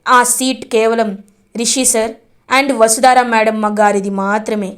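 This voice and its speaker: A humble, respectful young man from a family drama, as a woman narrator puts him on. He speaks softly and a little lower, with modest restraint. The voice stays gentle. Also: little pitch movement, unhurried, close to an everyday voice.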